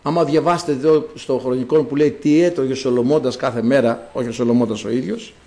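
A man's voice: mid-range voice, a little mellow. A man preaching a sermon, explaining words to the congregation and calling out quoted lines in a raised voice.

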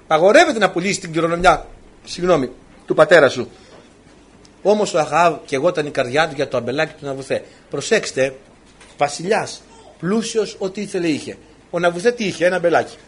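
A man's voice: a little high, husky. A man preaching a sermon, retelling old stories with animation and acting out the lines of the people in them.

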